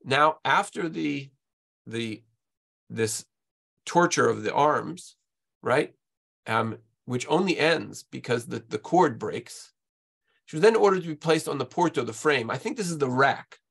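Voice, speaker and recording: A man, a rabbi, giving a slide lecture in a halting way, often repeating words as he goes. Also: mid-range voice, expressive, vocal fry, a bit bright, slightly rough.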